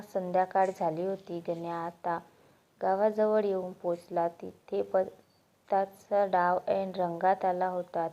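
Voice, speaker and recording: A woman narrating a moral story with a steady, unhurried reading. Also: mid-range voice. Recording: dull lo-fi recording.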